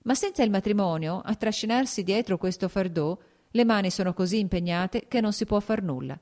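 A woman reading the lines of a married, worldly male officer who talks his friend round, in a measured, persuasive way. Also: mid-range voice, animated, a little mellow, voice pushed up, natural voice.

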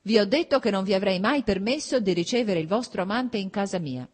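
A woman voicing a cold, stern middle-aged husband whose voice turns shrill with anger, harsh and formal. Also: lively intonation, fairly quick, lightly acted.

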